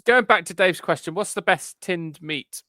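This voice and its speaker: Chatty man, slightly high, dry. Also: normal speed, sharp tone, no echo. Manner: self-mocking anecdotal storytelling. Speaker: podcast host and editor. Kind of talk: casual podcast chat.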